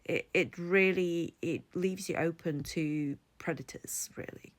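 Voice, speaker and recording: A woman's voice: lowish voice, steady tone, a little slow. A woman, giving an earnest, reflective personal explainer to camera as a vlogger. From Latvia. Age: 40s. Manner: earnest and reflective, thinking aloud. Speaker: vlogger and psychology student.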